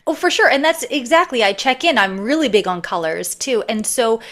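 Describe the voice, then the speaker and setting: A woman's voice: on the high side, animated, fairly quick, a bit bright. A woman from Canada, a podcast guest and author, telling a personal story in a chatty, rambling way with many fillers. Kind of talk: casual storytelling interview.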